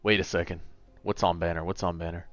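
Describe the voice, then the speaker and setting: Late 20s guy streaming, low smooth voice, chill and kinda tired, dull mic w faint music. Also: flat delivery, fast talker, dry recording. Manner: laid-back, rambling, answers chat. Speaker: gaming livestreamer. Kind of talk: casual livestream chat.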